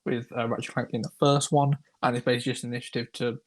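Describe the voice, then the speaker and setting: A young man co-hosting a casual chat podcast, sarcastic and mock-excited. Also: mid-range voice, racing. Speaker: podcast co-host.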